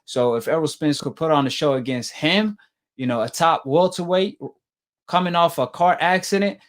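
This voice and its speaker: A man with a fairly high voice hosts a sports call-in. He talks casually and politely, weighing his points in a measured way. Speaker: host of a boxing call-in show.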